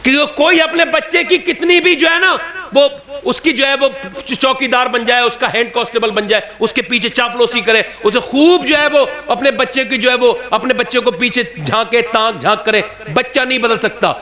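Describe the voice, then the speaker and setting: A man with an Indian Urdu accent preaching a sermon at a religious gathering, moving from calm storytelling to high shouted climaxes.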